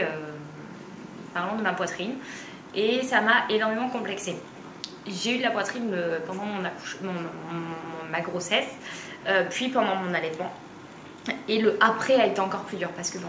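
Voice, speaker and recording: A woman's voice: medium pitch, a bit bright, a little hiss or hum. Hesitant woman in her twenties, roomy distance. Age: 20s. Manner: hesitant, many fillers, speaks openly and gestures. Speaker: sewing vlogger. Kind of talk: candid personal vlog. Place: bright room at home with a dress form. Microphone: camera a few steps away. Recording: roomy, slightly distant, faint ambience.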